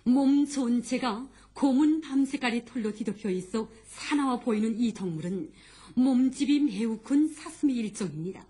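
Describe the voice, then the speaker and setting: A woman announcer with a North Korean accent reading scripted news in a formal, measured way. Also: on the high side, dark tone, slightly rough.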